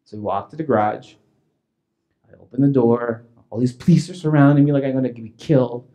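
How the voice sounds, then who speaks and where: A man's voice: medium pitch, a little fast, mellow. A male pastor telling a story in a sermon, chuckling as he goes.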